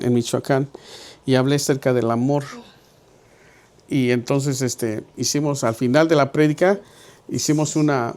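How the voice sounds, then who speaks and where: A middle-aged pastor with a mid-range, darkish voice leads a Bible study. He tells stories conversationally, acting out the dialogue as part of his sermon.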